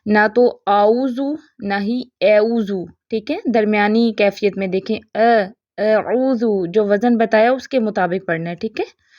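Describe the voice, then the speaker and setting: A woman's voice: mid-range voice, darkish tone, no room sound. Patient woman teaching recitation, dull dry sound. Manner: patient, explains with questions and repeated examples. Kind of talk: tajweed lesson.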